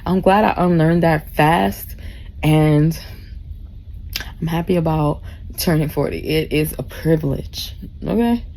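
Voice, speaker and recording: A woman's voice: deep voice, measured pace, warm tone. A woman of about forty rambles drunkenly in a casual vlog, effusive and heartfelt, swearing freely and losing her thread. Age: 39, nearly forty. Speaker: vlogger. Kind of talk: casual rambling rant to camera. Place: cruise ship cabin. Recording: faint background noise.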